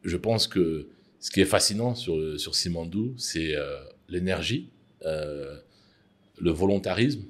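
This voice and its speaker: Deep-voiced middle-aged guy giving careful interview answers, lots of pauses and ums. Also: lively intonation. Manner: measured, hesitant with frequent fillers. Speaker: interviewee, mining executive.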